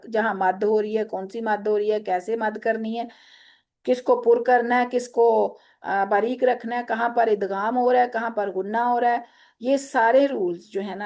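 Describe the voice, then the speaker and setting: A woman teaching a tajweed lesson online, explaining the rules and then reciting words slowly and clearly. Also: a little high, a little mellow.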